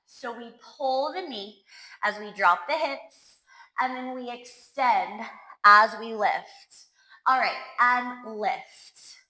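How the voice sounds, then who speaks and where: An upbeat woman leads a pilates class, counting down reps with cheers. Her voice is bright and forceful, set fairly high and paced slowly. The sound carries the echo of a room. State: winded. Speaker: pilates instructor. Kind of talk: workout class cueing.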